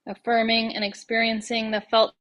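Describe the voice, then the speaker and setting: Her voice a little high and monotone, a woman takes listeners through a yoga nidra meditation. She is soft and calming, measured in pace, and lets long silences fall between brief phrases.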